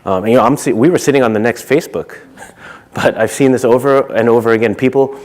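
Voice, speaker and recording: A man's voice: medium pitch, brisk, a little mellow. A man in his thirties, from Zimbabwe, giving a casual conference talk on stage with many fillers and restarts. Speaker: conference speaker.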